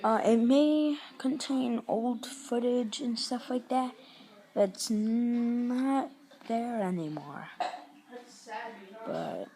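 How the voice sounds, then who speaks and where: A woman's voice: a little high, drawn-out words, warm tone. A woman chatting casually and informally to viewers in a rambling amateur vlog, on a homemade recording. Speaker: amateur vlogger. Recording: noisy home recording with clicks.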